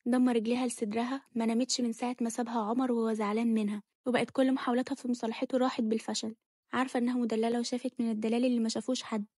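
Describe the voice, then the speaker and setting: A woman with an Egyptian accent narrating an audio novel in a rapid storytelling manner. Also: on the high side, a little mellow, slightly rough, no room sound, clean studio sound. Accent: Egyptian Arabic.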